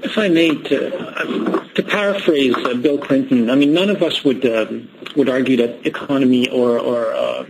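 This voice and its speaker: A man's voice: medium pitch, normal speed, few pauses, background noise. A man speaking as a panelist at a press briefing, polite and hesitant.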